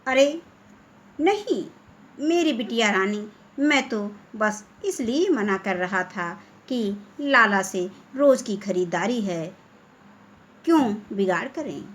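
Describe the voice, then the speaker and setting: A woman's voice: medium pitch, animated, slow pace, a bit bright. A woman voicing a protective village father who grows firm and scolding. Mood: gentle. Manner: firm, scolding toward the shopkeeper.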